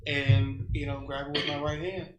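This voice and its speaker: A man's voice: on the high side, level tone, moderate pace, faint music behind. A man chatting casually as a player in a tabletop game. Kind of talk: casual chat. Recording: echoey room, clear background noise.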